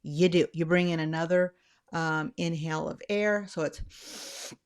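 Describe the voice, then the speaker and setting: Her voice fairly low, smooth, and steady at a normal speed, this middle-aged woman runs a channel offering anxiety tips. She talks conversationally, rambling somewhat and self-correcting.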